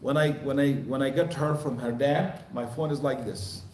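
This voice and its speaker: An older man speaking to a mosque congregation, animated and quizzing the audience with repeated questions. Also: medium pitch, moderate pace, a little hiss or hum. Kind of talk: lecture to a congregation. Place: mosque hall. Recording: echoey hall recording.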